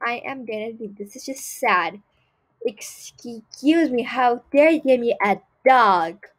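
A woman's voice: on the high side, animated, slow pace, fairly bright tone, low-quality recording. A woman voicing a snobby, spoiled rich girl in a game role-play skit, talking with haughty disgust and lots of "like" and "ew". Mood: snooty. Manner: haughty, dismissive, full of "like" and "ew". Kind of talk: role-play skit voiced over gameplay.

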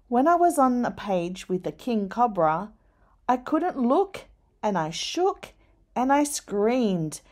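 Slow, expressive woman reading a storybook. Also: mid-range voice. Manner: expressive, dramatic rises on scary moments. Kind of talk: children's picture book read-aloud.

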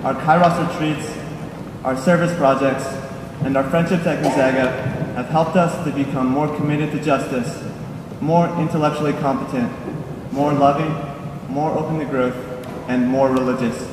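A young man in his late teens gives a graduation speech, earnest with a wry touch. He is captured from a distance inside a large church, with heavy reverberation and clear background noise. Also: mid-range voice, fairly even intonation, moderate pace. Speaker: salutatorian. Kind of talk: commencement speech. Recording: echoey church from far off, noisy.

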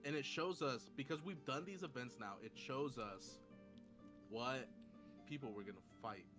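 A man's voice: mid-range voice, normal speed. A man playing a game alongside his girlfriend on a stream. He chats casually and teases her. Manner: teasing and animated. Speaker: co-player, the streamer's boyfriend. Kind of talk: casual gaming banter. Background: game music.

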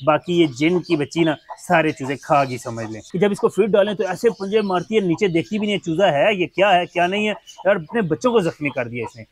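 A man's voice: sits high, a little fast, few pauses. A man chatting casually as he shows his mini zoo, fondly talking to his birds and pets. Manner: chatty, fond, talks to his animals. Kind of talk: casual vlog chat.

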